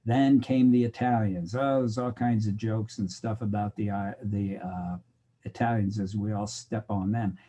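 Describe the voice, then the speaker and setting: With a dark tone and a low voice, this older American sociology instructor speaks a little slowly and fairly evenly over slight background noise. His recorded lecture is relaxed and full of tangents, and he performs the dialogues he cites.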